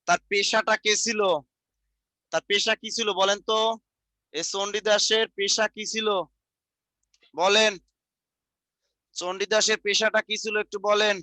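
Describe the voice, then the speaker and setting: A man with a Barishal Bengali accent teaching an online exam-prep lecture, repeating points slowly for students to write down, with chatty asides. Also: high voice, bright, forceful tone, no room sound. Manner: repetitive dictation, chatty asides.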